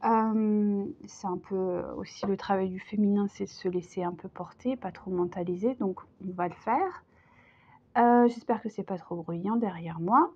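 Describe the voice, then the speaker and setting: Unhurried and slightly breathy, this woman's mid-range voice carries a casual spoken tarot video. Chatty yet hesitant, she fills her speech with fillers and laughs readily, all captured in dull, low-quality sound.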